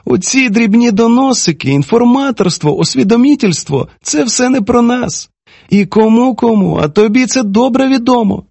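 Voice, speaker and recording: Stern commanding older woman played by a man, lecturing, lively pitch, dry sound. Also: moderate pace, vocal fry, slightly rough, no echo, heavily acted. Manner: forceful, lecturing.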